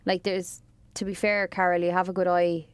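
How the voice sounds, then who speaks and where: A woman's voice: fairly low pitch, little pitch movement, normal speed, clean tone, no room sound. A woman co-hosting a podcast, chatting casually with lots of filler words. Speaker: podcast co-host.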